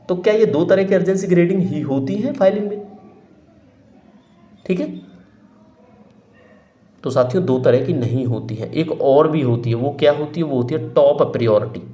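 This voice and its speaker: A man's voice: a little high, lively intonation, normal speed, pauses often, warm tone, echoey room. A man teaching an online exam-prep lesson, explaining step by step and asking the students questions he then answers himself. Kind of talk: online lecture.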